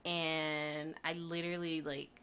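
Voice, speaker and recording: A woman's voice: sits low, slow, clear, resonant tone. A young woman as a podcast guest, chatting casually, laughing often and telling heated stories with plenty of swearing. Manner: expressive, laughs often, profane storytelling. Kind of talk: casual chat.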